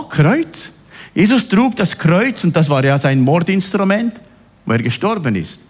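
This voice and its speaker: Guy preaching, kinda high voice, jumps way up on the big words. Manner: animated, swings high on emphasis, drawn-out stresses. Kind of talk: sermon with storytelling.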